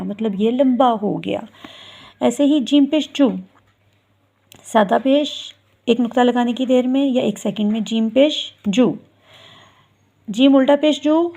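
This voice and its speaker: A woman's voice: a little high, mellow. A woman teaching a recitation lesson to viewers, patiently drawing out each example sound and explaining step by step. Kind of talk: instructional video lesson.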